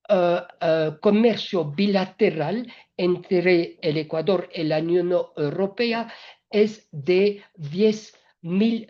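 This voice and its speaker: On a business panel, an EU trade representative talks haltingly about trade policy in a lowish voice, slow and full of fillers, restarts and non-native grammatical errors. Spanish isn't her first language, and the audio sounds muffled.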